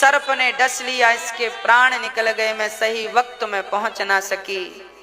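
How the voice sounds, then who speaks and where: A man's voice: very high-pitched, little pitch movement, measured pace. A man voicing a grieving mother, a fallen queen who pleads in tears, during a sermon story. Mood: pleading. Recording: long hall reverb, violin music behind.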